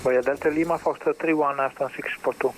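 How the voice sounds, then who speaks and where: A man's voice: mid-range voice, steady tone, fast, faint music behind, low-quality recording. A man speaking as a pilot over the radio, giving clipped readbacks to air traffic control with hesitant fillers. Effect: pilot talking over the radio. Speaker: airline pilot.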